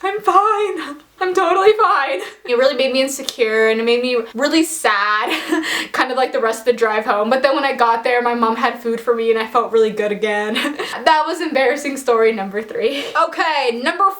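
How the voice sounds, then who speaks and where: A woman's voice: fairly high pitch, fairly quick, fairly bright tone. A young woman telling personal stories in a casual storytime vlog, chatty and self-deprecating, with lots of "like" fillers. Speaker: vlogger.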